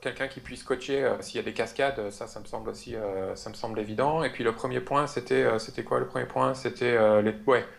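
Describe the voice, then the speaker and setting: A man co-hosting a podcast in casual chat, talking in a hesitant way with many filler pauses. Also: medium pitch, fairly even intonation, vocal fry. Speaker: podcast co-host.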